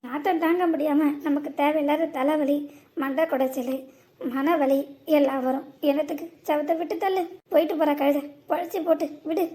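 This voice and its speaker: A woman's voice: high voice, darkish tone. A woman voicing a weary, downcast young man in a cartoon, talking in a glum, dismissive way. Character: grown grandson, downcast and weary. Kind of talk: cartoon voice acting.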